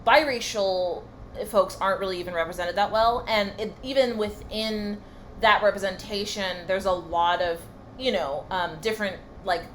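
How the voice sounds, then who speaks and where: A young woman from California talks casually as a podcast co-host. She pauses often, fills gaps with "um" and "like", and picks her words with care. Faint music and street noise from the city seep in behind her. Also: mid-range voice, low-quality recording. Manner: thoughtful, hesitant, many fillers. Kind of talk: casual chat. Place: apartment in a noisy city.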